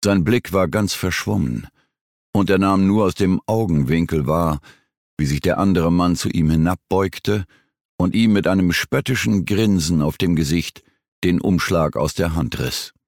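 A male audiobook narrator reads a suspense story in a measured, tension-building way. His voice is very low and gravelly. The sound is dry and close, with no room echo. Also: darkish tone. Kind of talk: scripted narration.

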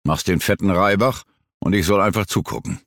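A man's voice: low voice, fairly quick, a bit bright, no echo, clean studio sound. A man doing a scornful, violent thug. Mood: menacing. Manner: mocking, cutting, threatening.

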